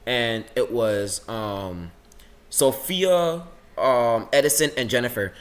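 A teenage boy in a casual, rambling monologue about his classmates, saying "like" constantly and swinging his pitch up and down. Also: slow. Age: teens. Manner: rambling, says "like" a lot, lively swings in pitch. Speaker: student vlogger.

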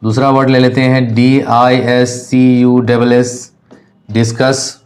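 Slow, flat-voiced male English tutor. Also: medium pitch. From India. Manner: slow, deliberate spelling out of letters. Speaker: English teacher. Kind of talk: classroom lesson explanation.

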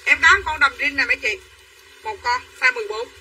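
On her livestream, a clothing seller pitches dresses in a high voice that's a little fast, pushed and bright. She keeps the patter chatty and calls viewers sisters, heard from afar over faint room noise.

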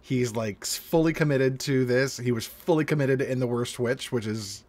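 A man's voice: mid-range voice, normal speed, darkish tone. A man hosting a movie reaction, chatty and enthusiastic. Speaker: host. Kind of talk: casual reaction commentary.

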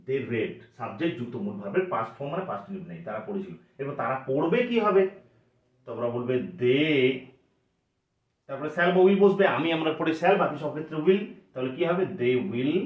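A man teaching an English grammar lesson, patiently asking questions and then answering them himself. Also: mid-range voice. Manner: patient, asks and answers his own questions. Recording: echoey room, voice from a distance, dull sound.

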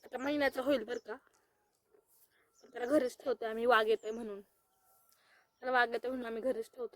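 A woman's voice: on the high side, a bit bright. A woman filming a casual farm vlog outdoors on a phone, coaxing and playfully calling to her pet goat. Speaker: vlogger. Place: outdoors on a farm with goats and hens. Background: goat bleating.

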